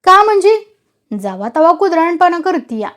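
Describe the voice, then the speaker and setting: A woman voicing a hot-tempered, stubborn village husband who shouts in rustic village speech. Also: extremely high pitch, sing-song, moderate pace, voice pushed up, exaggerated voice. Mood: furious.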